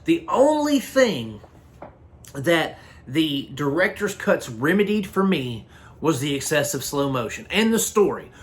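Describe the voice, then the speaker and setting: A man's voice: a little high, sing-song, unhurried. A man hosting a casual film review, talking bluntly and rambling with frequent restarts. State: hiccups. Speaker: movie reviewer.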